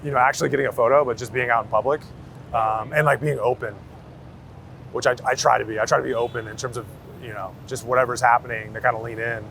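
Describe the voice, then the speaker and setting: On a busy city street, with traffic noise all around, a male street photographer chats casually with an interviewer. He talks fast in a gravelly, medium-pitched voice that is fairly bright in tone, with fairly even intonation. His speech is slangy and anecdotal, padded with "like" and "you know."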